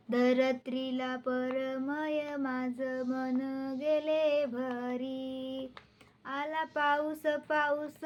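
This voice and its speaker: A teenage schoolgirl reciting poems slowly, half-chanting and sometimes singing the verses. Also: high-pitched. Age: teens. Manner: drawn-out, chanting delivery of verses. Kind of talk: slow poetry recitation, partly sung.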